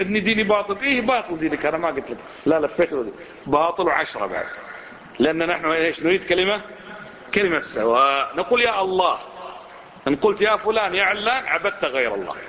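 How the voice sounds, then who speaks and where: A man teaching a religious lesson, speaking colloquially and questioning his listeners directly. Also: sits high. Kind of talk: religious lesson to a seated audience. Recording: dull lo-fi recording with faint noise.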